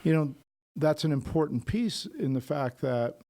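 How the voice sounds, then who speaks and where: A man's voice: a little high, normal speed. A man co-hosting a podcast in casual chat, talking bluntly and poking fun at himself while telling stories. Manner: blunt, self-deprecating, animated storytelling. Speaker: podcast co-host.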